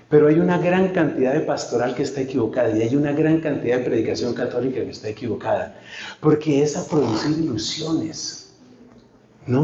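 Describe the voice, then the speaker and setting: A man preaching a sermon, animated, humorous and emphatic. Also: mid-range voice. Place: hall with a live audience. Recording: echoey hall, dull sound, live audience.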